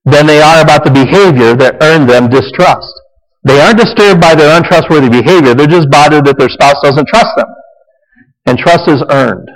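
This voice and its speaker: A man preaching a Bible lesson in a conversational, repetitive way, with offhand asides. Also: on the high side. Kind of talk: sermon-style teaching. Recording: echoey hall reverb.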